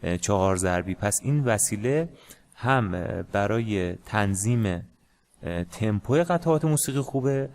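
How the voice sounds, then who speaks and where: Man, music teacher, casual lesson, hesitant with fillers, somewhat low voice. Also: expressive, a little mellow. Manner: hesitant, many pauses and fillers. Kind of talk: casual screen-share lesson.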